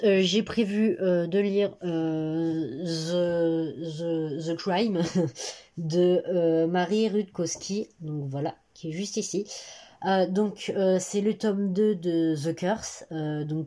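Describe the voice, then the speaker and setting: A woman's voice: on the low side, dark tone. A teenage girl chatting casually about the books she plans to read, rambling and hesitant, with many fillers, recorded on a phone in her bedroom. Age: teens. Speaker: booktuber. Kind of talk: casual chat. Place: bedroom at her parents' home. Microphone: phone camera.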